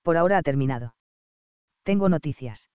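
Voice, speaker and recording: Man voicing a homesick young woman doctor, smooth clear voice, audiobook read. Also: a little high, lively intonation, fairly quick, a little mellow, no room sound, highs cut off, lightly acted. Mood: unsure.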